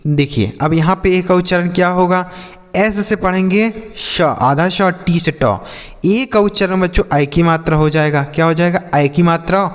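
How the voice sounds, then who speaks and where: A man teaches like he is in front of a class, calling his students kids and brother. His voice sits high for a man. The sound rings with a long reverb. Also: normal speed. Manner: explains step by step, repeats his own questions and answers them. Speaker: English teacher. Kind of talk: classroom-style phonics lesson.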